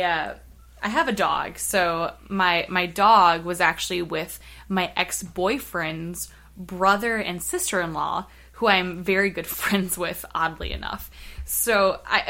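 A woman guest on a chat podcast, telling a story in an animated way with many fillers and frequent laughs. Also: lowish voice. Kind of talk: casual chat.

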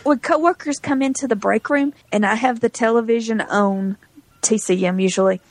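A woman's voice: a little high, normal speed, no echo. A woman co-hosting a podcast in a casual chat, chatty and laughing between remarks. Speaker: podcast co-host.

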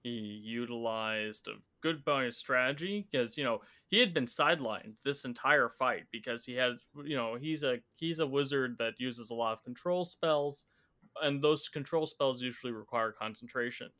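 Bright-voiced man explaining game rules. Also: medium pitch, normal speed. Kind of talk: casual recap of a tabletop game.

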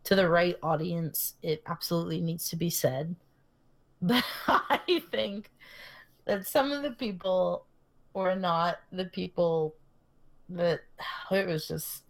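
A young woman co-hosting a podcast casually tells a long story, full of fillers and restarts, laughing often. Her lowish voice is gravelly and expressive, and she takes her time.

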